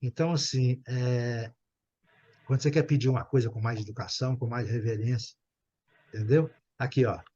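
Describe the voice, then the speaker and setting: Um professor de inglês brasileiro dando aula online, paciente, repetindo e conferindo se o aluno entendeu. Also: male voice, medium pitch, fairly even intonation, moderate pace, dark tone, slightly rough, dull audio. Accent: Brazilian Portuguese. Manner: patient, repeats and checks understanding. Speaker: English teacher. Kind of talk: online English class.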